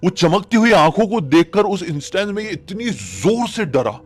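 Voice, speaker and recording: A man telling a spoken horror story in a chatty, dramatic way, with sudden loud peaks. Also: sits high, sing-song, normal speed, slightly rough.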